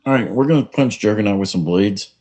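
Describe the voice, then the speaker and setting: A man's voice: lowish voice, a little fast, darkish tone. A man playing a tabletop miniatures game, calling out his moves in casual chat and joking to his pieces.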